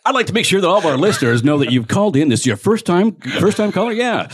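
A man imitating an upbeat male radio DJ in a loud, announcer-style delivery as a joke during a casual chat. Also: sits high, big pitch swings, fast talker, slightly rough, pitched above the performer's own voice, heavily acted. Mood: showy. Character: booming smooth male radio DJ, upbeat and showy.

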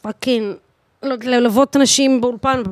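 A woman of thirty-one with an Israeli accent, chatting casually as a podcast guest in an animated, emphatic way, with slang and English swearing mixed in. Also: a little high, no room sound, clean studio sound. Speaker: guest singer, DJ and voice teacher.

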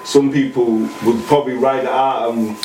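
A young man hosting a podcast, asking questions in a relaxed, slangy way. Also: mid-range voice, moderate pace. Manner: slangy, laid-back questioning. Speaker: podcast host. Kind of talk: casual podcast chat. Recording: roomy, distant mic, faint background noise.

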